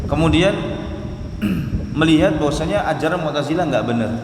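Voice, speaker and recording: A man with an Indonesian accent teaches a congregation in a fairly high voice, asking rhetorical questions and pushing hard on key words. His voice rings through a large reverberant hall. A faint room hum sits underneath. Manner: storytelling with rhetorical questions, bursts of emphasis. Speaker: Islamic study teacher. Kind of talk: mosque study-circle lecture. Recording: echoey hall with long reverb.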